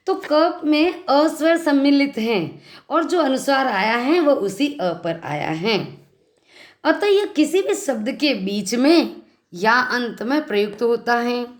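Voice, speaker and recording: A woman teaching a grammar lesson, patient and explanatory, often asking the listener whether they have understood. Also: fairly high pitch. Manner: patient, checks understanding with rhetorical questions. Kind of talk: video lesson.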